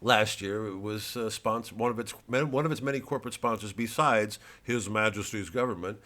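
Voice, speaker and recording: Rambling through a promo monologue, this middle-aged comic speaks at normal speed in a fairly low, sharp-toned voice. He sounds hesitant and sardonic, swears freely, and keeps restarting and padding with filler.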